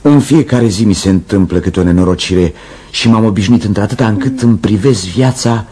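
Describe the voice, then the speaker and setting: A man's voice: lowish voice, dark tone, husky. An actor playing a smug, fawning young footman in a radio play, with affected speech.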